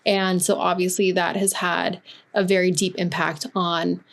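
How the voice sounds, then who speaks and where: A woman's voice: on the low side, flat delivery, a little slow. A woman hosting a podcast interview, talking conversationally with frequent fillers. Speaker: podcast host. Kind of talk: casual interview chat.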